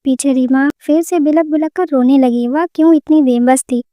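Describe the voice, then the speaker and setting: High-voiced woman telling a story. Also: dry recording, clean studio sound. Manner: steady storytelling. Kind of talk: scripted narration.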